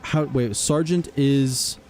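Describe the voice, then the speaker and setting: A man livestreaming games, chatting casually with viewers and telling stories in an animated, slangy way. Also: mid-range voice, slow. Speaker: gaming livestreamer.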